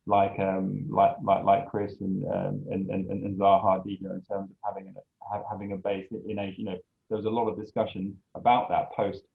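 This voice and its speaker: A man, a design studio principal, speaking haltingly with many restarts in a panel discussion. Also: deep voice, completely flat delivery, vocal fry. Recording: tinny phone-like line.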